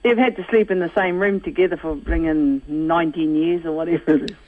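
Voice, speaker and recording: A woman's voice: deep voice, fairly even intonation, fairly quick. New woman in an echoey, tinny clip. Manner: warm, laughing anecdote-telling. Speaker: mother of rugby players, interviewee. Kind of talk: recorded radio interview clip.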